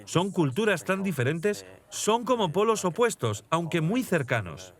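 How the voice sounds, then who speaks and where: Documentary dub: man as a young prince, calm and reflective, voice on the high side. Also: unhurried. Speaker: dubbed interviewee voice-over.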